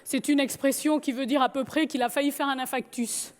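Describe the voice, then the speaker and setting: A woman's voice: high-pitched, fairly even intonation, a little fast, slight background noise. A woman from Gabon, telling her life story with humor. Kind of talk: personal storytelling talk.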